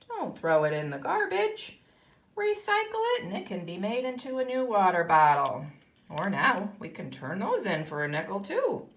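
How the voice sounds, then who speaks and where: A kindergarten teacher from the United States speaks at medium pitch with a slightly bright tone and an American accent. Her read-aloud lesson for young children is instructive, and she poses questions only to answer them herself.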